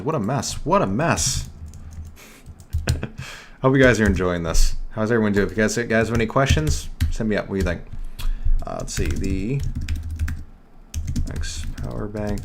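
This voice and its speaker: A fairly low-pitched young man with a New York accent hosts a casual live tutorial, chatting to viewers and fixing slips as he goes. Faint keyboard typing sits behind his desk mic. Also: gravelly, noisy background. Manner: chatty, self-correcting, talks to chat while working. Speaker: livestream host teaching online store building.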